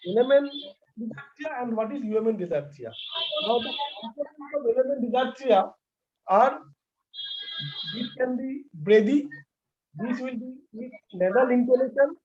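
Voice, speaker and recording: Doctor listing terms in a lecture. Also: male voice, extremely high pitch, darkish tone. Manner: listing terms, repeating words. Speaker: doctor presenting at a medical class. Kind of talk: medical lecture. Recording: dull lo-fi online call audio.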